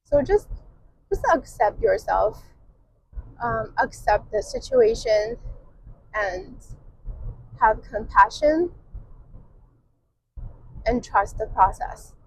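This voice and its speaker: A woman vlogging from her car while driving, talking in a hesitant, reflective way with many filler pauses. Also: fairly high pitch, sing-song, gravelly, darkish tone, slightly rough. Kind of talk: casual reflective monologue. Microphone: clip-on mic. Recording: dull lo-fi with faint car noise.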